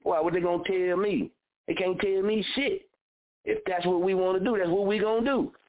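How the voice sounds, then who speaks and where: A man's voice: high voice, fairly even intonation, moderate pace. A man in his thirties hosting a radio show, giving a blunt, fired-up motivational talk full of repetition and cursing. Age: 30s. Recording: phone-like narrow audio.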